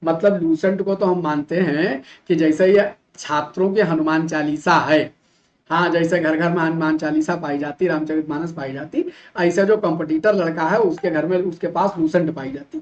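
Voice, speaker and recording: A male teacher from Uttar Pradesh giving an animated classroom lecture, full of rhetorical questions and mock imitations of students. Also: a little high, moderate pace, muffled recording. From Uttar Pradesh, India.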